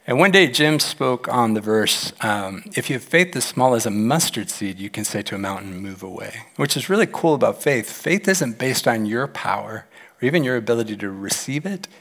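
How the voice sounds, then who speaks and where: Animated male pastor in reverberant hall. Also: moderate pace, vocal fry. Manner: animated, acts out quoted voices with big pitch jumps. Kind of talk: sermon.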